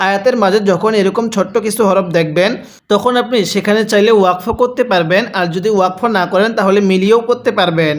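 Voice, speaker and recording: Man teaching reading with slow chanted examples. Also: high-pitched. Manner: asks himself how to read, then answers; chants example phrases very slowly and drawn out. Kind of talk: step-by-step recorded lesson.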